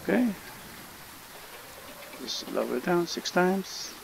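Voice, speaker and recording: Speaking slowly in a high-pitched, sing-song, gravelly voice, a gamer from the Netherlands with a Dutch accent walks viewers through a fishing game. His casual tutorial commentary is full of hesitations and fillers, and the background is noisy.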